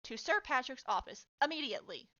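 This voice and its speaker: Woman reader as a cold army lieutenant, loud and barking, bright tone, dull lo-fi sound. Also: a little high, lively intonation, moderate pace. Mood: commanding. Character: stern male army lieutenant, cold and bullying.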